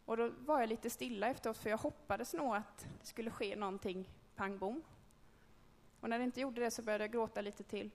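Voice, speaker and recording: Woman sharing a personal testimony to a group, conversational and halting, gravelly tone, recorded in a reverberant hall. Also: fairly high pitch. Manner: candid, conversational storytelling with hesitations. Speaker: speaker telling a personal faith story.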